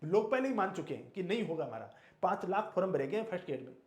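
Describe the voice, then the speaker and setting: Male coaching teacher, high lively voice, emphatic and repetitive, echoey room. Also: quick pace. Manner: emphatic, repeats key words, asks and answers own questions. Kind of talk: motivational exam lecture.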